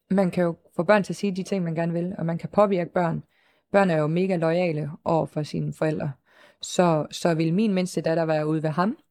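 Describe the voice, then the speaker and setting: A woman's voice: fairly low pitch, dark tone. A woman in an interview telling her own story, hesitant and circling with many fillers, yet composed and matter-of-fact. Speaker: interviewed mother. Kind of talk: personal interview account.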